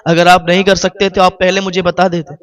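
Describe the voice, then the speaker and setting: A man's voice: sits high, flat delivery, fairly bright tone. A man voicing a poor, grieving father who pleads and repeats his complaint through tears. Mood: pleading.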